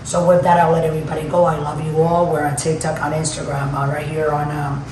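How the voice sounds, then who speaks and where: A woman's voice: low voice, flat delivery, quick pace. A middle-aged woman hosting a cooking channel, chatting casually through a grocery haul and rambling through prices with fillers. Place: home kitchen room. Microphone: phone camera held by someone else. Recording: echoey room, camera at a distance, background noise.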